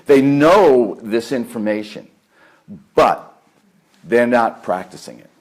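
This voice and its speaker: Earnest and measured, a family therapist from New York speaks at a live workshop in a meditation center, repeating key phrases to drive them home. His voice is mid-range, animated, and somewhat dark.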